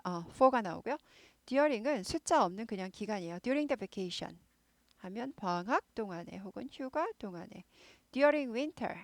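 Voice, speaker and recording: A woman teaches English to Korean learners by working through a news story line by line, repeating key words often and pronouncing English phrases slowly and carefully. Her voice is on the high side, with no echo.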